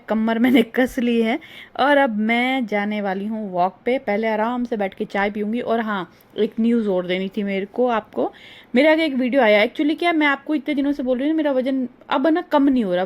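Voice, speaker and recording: A middle-aged woman chatting through a casual vlog voice-over, rambling and homely, her voice a little hoarse. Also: on the high side, muffled recording. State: slightly hoarse. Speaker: vlogger. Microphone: phone.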